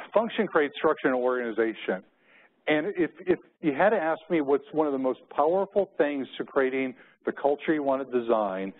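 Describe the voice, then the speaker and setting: Speaking as a keynote presenter, a middle-aged American man shifts back and forth between business points and personal stories. His pitch stays in an average range. The audio is narrow and phone-like, much like a conference room feed.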